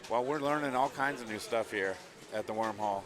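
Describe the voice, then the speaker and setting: A middle-aged man from Long Island, New York, hosts a live stream from a tournament hall, upbeat and chatty as he reads chat messages and ads. He speaks fairly quickly with a medium pitch, and a noisy crowd can be heard behind him.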